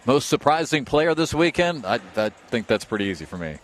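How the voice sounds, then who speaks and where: A man's voice: mid-range voice, big pitch swings, a little fast. A man co-commentating a cornhole tournament from a booth, reading viewer questions and teasing his partner. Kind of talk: casual sports commentary.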